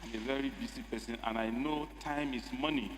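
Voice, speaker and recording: A state lawmaker with a Nigerian accent gives a formal parliamentary speech in a measured, emphatic style, his voice medium-pitched and steady. The long echo of a large hall surrounds him, with a faint hum of noise in the background.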